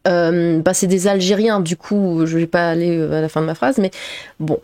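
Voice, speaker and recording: A woman streamer giving casual commentary, filling pauses with 'euh', laughing and making sarcastic remarks as she reads out comments. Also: on the low side, fairly even intonation, dark tone, no echo, clean studio sound.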